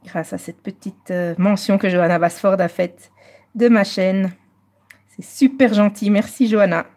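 A Belgian woman with a medium-pitched, slightly mellow voice hosts a live coloring stream. She chats casually, shifting between French and somewhat halting English.

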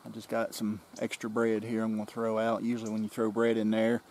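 Faint nature ambience surrounds a man in his forties who casually walks viewers of his outdoor vlog through his creek fishing, talking right to a nearby camera. He's relaxed and fairly quick, with a lowish voice, captured in close framing by a camera-mounted mic amid slight background noise.

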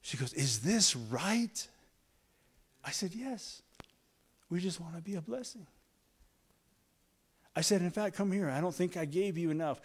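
A man preaching a sermon as a guest pastor, rising to loud emphatic lines and dropping to soft, hushed ones while he tells a story. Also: high-pitched, expressive, unhurried, pauses often, breathy edge. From United States. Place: church sanctuary.

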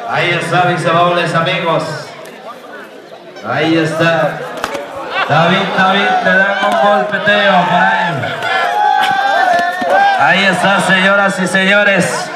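A man's voice: sits high, steady tone, slow, long pauses. A Mexican man working as a ring announcer in lucha libre style, calling the action live with showman catchphrases and rallying the crowd for applause. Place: outdoor rodeo ring before a packed crowd. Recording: echoing PA, distant, loud outdoor crowd noise.

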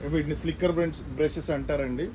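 A man's voice: fairly high pitch, steady tone, fast. A young man with a Telugu accent walking viewers through a pet shop, explaining products in a chatty, informal way. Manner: chatty, explanatory, mixes English words into Telugu. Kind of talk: casual shop tour for viewers. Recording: faint background noise.

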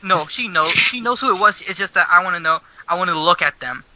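A man's voice: sits high, quick pace, very noisy. A man chatting casually as a tabletop game player, insistent and repeating himself. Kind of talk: casual chat.

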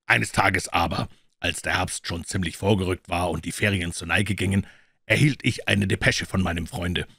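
Male audiobook reader, measured storytelling, forceful tone, dry close sound. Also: deep voice, slightly rough, no room sound. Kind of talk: audiobook reading of a classic.

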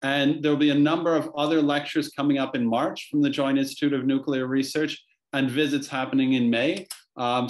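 Guy hosting an online science camp, friendly intro, lots of ums, normal pitch. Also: slight background noise. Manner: friendly, filler-laden intro. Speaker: host. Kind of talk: introducing a guest speaker.

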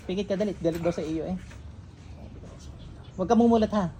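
A faith healer, sternly questioning a patient and murmuring ritual chants during a healing session at home. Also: male voice, high-pitched, fairly quick, dark tone, a little hiss or hum.

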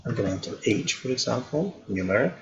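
A man calmly explaining software settings step by step, thinking aloud as he goes, in a tutorial voice-over. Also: mid-range voice, fast talker, muffled recording. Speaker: instructor.

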